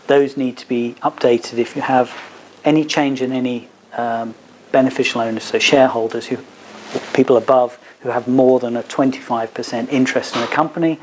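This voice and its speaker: A man with a medium-pitched, steady voice talks at a moderate pace over poor audio with faint background noise. He is an advocate giving a legal seminar at a business hub, answering questions in a hesitant, explanatory manner.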